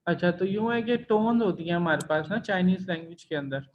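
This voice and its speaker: A man's voice: high-pitched, expressive, brisk, lo-fi sound, a little hiss or hum. Patient man teaching an online class. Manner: patient, explains step by step with sung-out tone examples. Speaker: Chinese language teacher. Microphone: computer mic in video call.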